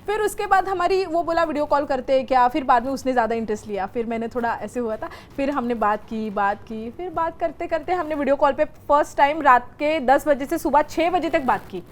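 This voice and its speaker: A woman's voice: high-pitched, a little fast, few pauses. A woman whose first language is Marathi, a guest candidly telling stories in a casual chat. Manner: chatty storytelling, candid.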